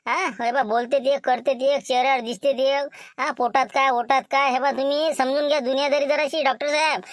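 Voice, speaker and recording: A man's voice: very high-pitched, flat delivery, a little fast, a bit bright, dry recording, studio quality. A man playing a sly Varhadi servant on a scheme. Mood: boastful. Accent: Varhadi Marathi. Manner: wheedling, sprinkles talk with "ho" and "ba". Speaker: comedy sketch actor. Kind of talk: village comedy sketch acting.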